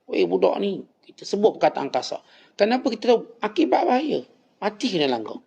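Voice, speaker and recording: A man's voice: sits high, big pitch swings, fast, creaky, a little mellow, slightly rough. A male religious teacher with a Malaysian Malay accent gives an Islamic lecture, telling stories and scolding his listeners sternly. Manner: storytelling, stern admonishing tone. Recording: lo-fi recording.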